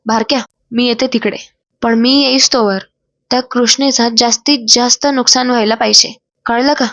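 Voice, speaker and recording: A woman's voice: fairly high pitch, steady tone, moderate pace, fairly bright tone, dry recording. A woman voicing a cold, scheming older matriarch giving orders in a retold TV drama. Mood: commanding.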